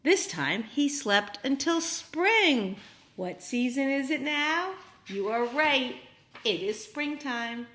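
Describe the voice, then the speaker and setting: With a high voice and a slow pace, a woman reads a story to little kids. She is animated and encouraging and frequently turns to her audience with questions.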